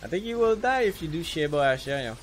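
Excitable man streaming a game. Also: fairly high pitch, quick pace, faint music behind. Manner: excitable, repeats "man" constantly. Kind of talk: live gameplay commentary.

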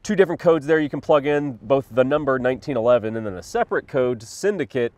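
A man's voice: mid-range voice, quick pace, a little mellow, dry recording. A man in his thirties co-hosting a gun review, talking casually with lots of fillers, a little under the weather with a cough. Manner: rambling, filler-heavy, thinks aloud. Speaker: co-host of a firearms review channel.

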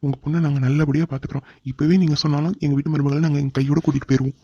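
A man's voice: a little high, level tone, racing, mellow, husky, dry recording. A man voicing a reassuring middle-aged father. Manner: soothing, reassuring. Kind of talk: cartoon drama voice acting. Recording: dull lo-fi recording.

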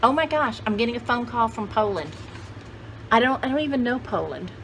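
A woman in her sixties with a fairly high, very animated voice talks fairly quickly to the camera. She's a vlogger showing off vintage paper dolls, rambling casually and thinking out loud in a cluttered-shelf room at home. The home video audio is clearly noisy.

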